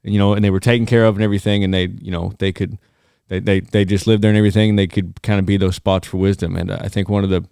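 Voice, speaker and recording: A man chatting casually on a podcast in a halting, rambling way. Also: on the low side, little pitch movement, vocal fry, a little mellow, clear, resonant tone, no echo, clean studio sound.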